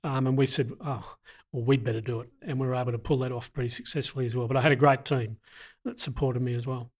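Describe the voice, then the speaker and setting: A middle-aged man, an army veteran, answering interview questions in a deliberate, earnest way with frequent pauses. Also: medium pitch, steady tone. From Australia.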